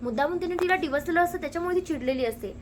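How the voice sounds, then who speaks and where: Fast, high-voiced woman recapping a serial. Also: slight background noise. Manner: rapid, lively retelling, slipping into characters' lines. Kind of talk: fast storytelling recap with acted quotes.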